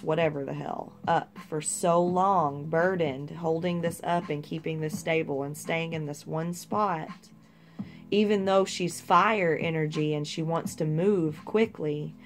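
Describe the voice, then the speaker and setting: A woman's voice: sits low, a little hiss or hum. A young woman giving a casual, rambling tarot reading with some swearing. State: hiccups. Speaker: tarot reader.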